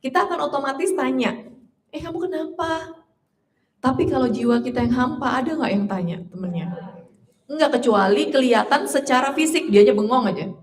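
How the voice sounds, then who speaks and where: A woman's voice: high-pitched, animated, brisk, a little hiss or hum. A woman in her late thirties giving a casual, chatty workshop talk to an audience. She laughs often and acts out the voices of the people she quotes. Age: 30s. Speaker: trainer.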